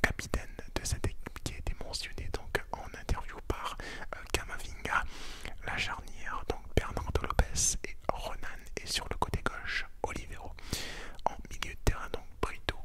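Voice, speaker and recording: A man whispers softly and intimately, right in the listener's ear, as he hosts an ASMR sports debrief. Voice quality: soft unvoiced whisper throughout. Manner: close, intimate, right-in-your-ear delivery. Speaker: ASMR video creator and host.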